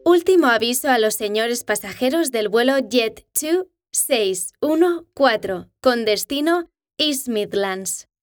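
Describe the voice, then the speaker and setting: A woman reading scripted airport boarding announcements in a formal, measured public-announcement manner. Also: on the high side, lively intonation, dry recording, clean studio sound, soft background music.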